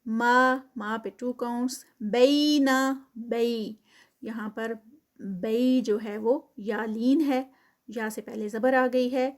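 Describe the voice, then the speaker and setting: Woman tajweed teacher, kinda high voice, recites slow and stretched then explains fast. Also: fairly even intonation, a little mellow. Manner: slow drawn-out recitation between quick explanations. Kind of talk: tajweed lesson.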